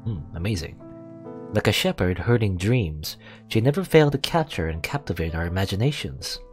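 A man's voice: low voice, expressive, moderate pace. A man reading a visual novel aloud as a let's play host, adding asides and now and then correcting his stumbles. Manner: stumbles over words and corrects himself. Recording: music behind the voice.

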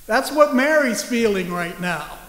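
A man's voice: high voice, expressive, a little slow, fairly bright tone. A male pastor preaching a sermon in a church, conversational and joking. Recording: echoey church hall.

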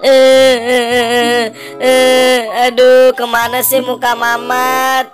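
A woman's voice: high-pitched, monotone, takes it slowly, soft background music. A woman voicing Mamat, a male ondel-ondel puppet who cries and pleads after losing his face. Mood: whimpering. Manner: whiny, pleading, sobbing "eh eh".

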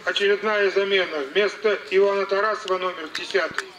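An echoing stadium announcer, a man with a fairly high voice. He delivers formal, measured substitution notices over the PA, heard from a distance across an open-air football ground. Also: fairly even intonation, a bit bright. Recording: echoing stadium PA, far from mic.

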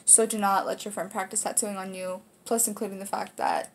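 Talking loosely to camera in a small room, a nineteen-year-old American from Kansas rambles through a casual vlog she's hosting. Her mid-range voice is steady and a little fast, with a bit of hiss or hum in the recording.

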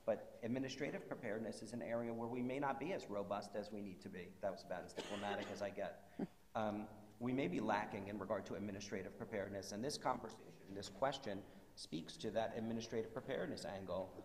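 A man in his forties with a low voice talks on a panel, measured and diplomatic. His words echo around a roomy hall with a long reverb, over a faint murmur in the background. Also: slight background noise. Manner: measured, diplomatic, gestures while talking. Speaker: state deputy health official. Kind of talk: panel discussion. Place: conference stage in a large hall.

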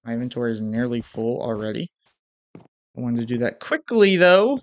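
A young male gaming YouTuber with a stuffy nose gives casual gameplay commentary in a medium-pitched, very animated voice at a moderate pace. He uses a headset mic in a home room, mixing hyped intros with muttered play-by-play.

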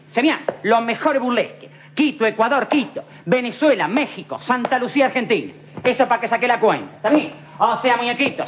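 A man's voice: very high voice, a bit bright. A man with a Rioplatense accent playing a cocky streetwise hustler in a TV comedy sketch, rambling in heavy slang and checking again and again that he's understood. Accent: Rioplatense Spanish. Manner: rambling, slangy, swaggering, keeps asking "all right?". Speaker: comic actor in a TV sketch. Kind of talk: TV comedy monologue in character. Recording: dull lo-fi 1990s TV tape with faint hiss.

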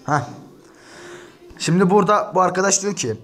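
A man's voice: high-pitched, animated, moderate pace, fairly bright tone, soft background music. A man ranting and cursing nonstop as he comments on an online insult battle, talking straight to his viewers. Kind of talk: profane screen-share commentary to viewers.

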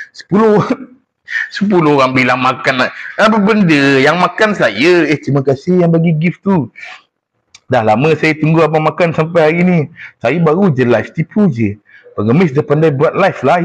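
A young Malaysian man hosts a casual live stream, chatting and teasing his viewers. His voice sits a little high for a man. He reads comments aloud with a Malaysian Malay accent.

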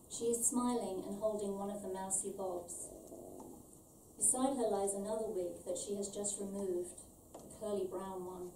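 A middle-aged woman, born in Ireland and raised in London, reads her own short story aloud in a measured, deliberate way, her voice medium-pitched and dark in tone. It is a scripted literary reading at a small indoor event venue with a stage. The recording sounds roomy and distant, with faint background noise.

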